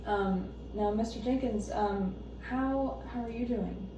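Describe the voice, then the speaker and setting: A woman playing a calm, supportive family therapist who asks gentle, probing questions in a role-play session. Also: medium pitch, slow. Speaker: therapist on a home visit. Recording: echoey room, distant mic, noisy background.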